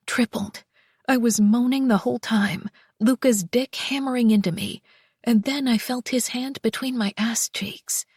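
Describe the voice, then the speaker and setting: A woman narrating a first-person romance audiobook, soft and slow, with breathy whispered passages. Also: on the high side, no echo, clean studio sound.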